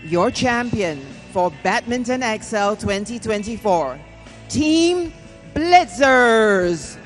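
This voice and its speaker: An announcer formally presenting the winning team at an arena ceremony in a declamatory, drawn-out style. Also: medium pitch, expressive, soft background music. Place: indoor arena.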